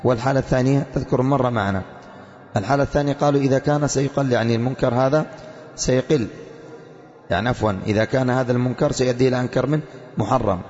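A man teaching a religious creed text to students, reading passages slowly and then explaining them, asking rhetorical questions and answering them himself. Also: mid-range voice, darkish tone. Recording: lo-fi with long reverb in a hall.

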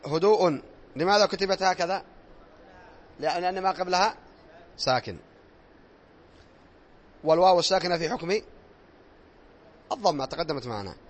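A man teaching a classroom grammar lesson, reading rules aloud, drilling examples and quizzing his pupils in a classroom. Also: sits high. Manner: repetitive, drilling tone.

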